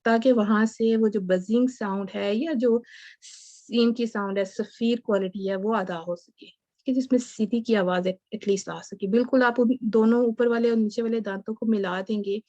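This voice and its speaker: A woman's voice: on the high side, fairly even intonation, warm tone, dry recording, lo-fi sound. A woman teaching Quran recitation, explaining letter sounds patiently, often checking with her listeners and mixing English words into her talk. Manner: patient, repeats sounds slowly and checks with "okay?". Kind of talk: online tajweed lesson.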